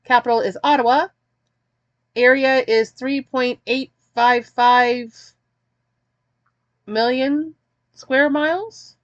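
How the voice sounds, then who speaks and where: A woman's voice: high voice, steady tone, slow pace, pauses often, no room sound, dull audio. A woman hosting a casual snack-box unboxing, chatty and wry, reading the packaging aloud. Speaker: host reviewing a snack box.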